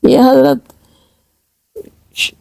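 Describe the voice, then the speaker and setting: A woman slowly chanting devotional verses in a pleading tone, then explaining each line in measured speech. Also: dark tone, no echo, rough recording. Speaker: religious reciter and translator. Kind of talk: devotional recitation with line-by-line translation.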